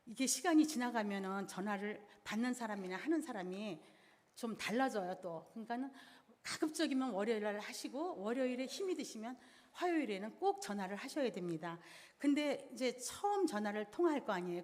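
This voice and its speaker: A woman's voice: medium pitch, animated, fairly quick, darkish tone. A middle-aged woman giving a church seminar, explaining each step plainly and in order. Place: church hall. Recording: reverberant hall sound.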